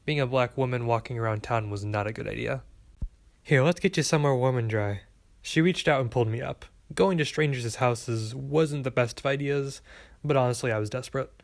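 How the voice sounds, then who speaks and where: Gravelly man reading an audiobook. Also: medium pitch, brisk. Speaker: audiobook narrator. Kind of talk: first-person audiobook narration.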